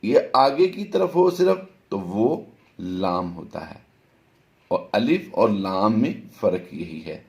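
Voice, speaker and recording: Brief: lowish male teacher voice, middle-aged, patient tajweed lesson, spells letters one by one, breaks into slow chanted recitation. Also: big pitch swings, creaky.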